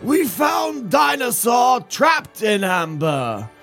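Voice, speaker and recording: Slow, high-pitched old man. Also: sing-song, gravelly, faint music behind, heavily acted. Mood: grand, proclaiming. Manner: loud, slow, emphatic proclaiming. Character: old man theme park guide, grand and halting. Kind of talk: comedic script reading in a put-on voice.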